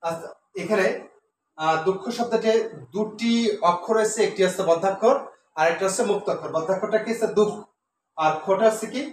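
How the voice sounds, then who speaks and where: A man teaches a class, repeating each word slowly and filling pauses with soft hesitations. His voice sits high and carries some distance from the mic. The room is echoey, with a faint hiss underneath. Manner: explains step by step, repeats words slowly with many "uh" fillers. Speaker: Bengali teacher. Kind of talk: classroom lesson on pronunciation.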